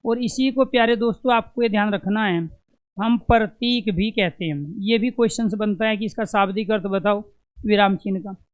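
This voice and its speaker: A man's voice: high voice, normal speed. A man teaching an exam-prep lesson, who asks questions and answers them himself and repeats the key terms to drill them in.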